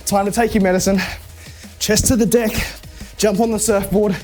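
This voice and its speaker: A fitness instructor leads a home workout, talking the viewers through each move while doing it. The voice sits at a middling pitch and stays chatty and encouraging. Faint music plays underneath. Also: steady tone, moderate pace, a little mellow. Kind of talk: coaching a live home workout.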